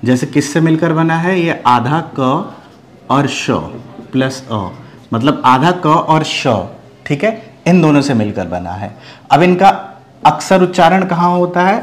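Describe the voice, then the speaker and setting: Higher-voiced man teaching a language lesson. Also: lively intonation, a little slow. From Bihar, India. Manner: explains step by step with rhetorical questions and frequent "okay". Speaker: Hindi teacher. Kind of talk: online grammar lesson.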